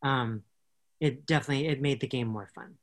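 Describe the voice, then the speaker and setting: A woman's voice: extremely low pitch, brisk. Female podcast co-host, casual, rambling, self-correcting. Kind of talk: casual chat.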